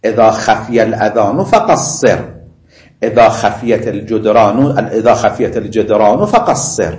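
A man's voice: fairly low pitch, darkish tone. A middle-aged man teaching a class on Islamic law. He repeats his points, asks whether students follow, slips in Arabic legal phrases and chats with them. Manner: mixes in Arabic legal phrases, chatty asides and laughter. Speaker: seminary teacher. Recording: roomy classroom echo.

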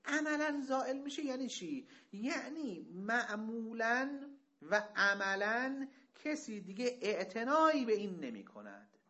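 Animated male lecturer, bright lively voice. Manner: reads Arabic slowly then explains conversationally; asks rhetorical questions, lively pitch swings. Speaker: teacher explaining a text. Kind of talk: lecture reading and explaining Arabic passages.

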